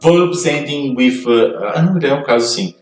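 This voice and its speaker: A man gives an English grammar lesson, reading out each rule and then walking through it slowly. His voice sits at a middle pitch and comes from some distance off the mic. The room is echoey, with soft music in the background. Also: animated. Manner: explains slowly, reading rules aloud in English then explaining them in Portuguese. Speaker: English teacher.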